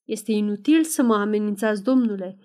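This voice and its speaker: A woman's voice: mid-range voice, a little mellow, lightly acted. Timid old manservant read by a woman, wary, earnest, audiobook. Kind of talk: audiobook character voice.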